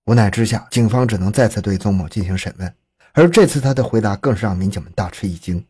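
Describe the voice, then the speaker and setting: Husky low-voiced man narrating true crime. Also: mellow.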